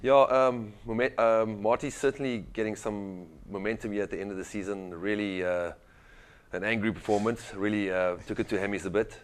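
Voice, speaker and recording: A man's voice: lowish voice, fairly even intonation, moderate pace, smooth. A man giving casual rugby analysis as a studio pundit.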